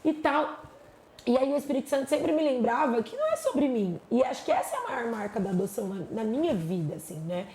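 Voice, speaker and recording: A woman, a pastor chatting on a podcast, animated and acting out the voices she quotes. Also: a little high, a little fast, over a noisy crowd. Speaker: pastor and psychologist guest. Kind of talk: casual podcast chat. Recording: echoey room with faint noise.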